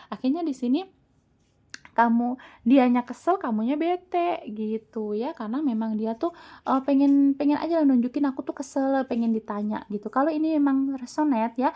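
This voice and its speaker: Chatty woman reading tarot, mellow voice. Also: fairly high pitch. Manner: chatty, teasing, laughs often. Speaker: tarot reader. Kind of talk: casual tarot reading to viewers.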